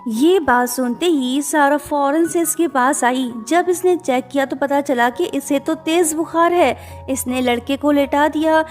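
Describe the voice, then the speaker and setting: High-voiced woman recapping a drama. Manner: brisk, chatty, mixing in English words. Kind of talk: casual story recap narration. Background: faint music.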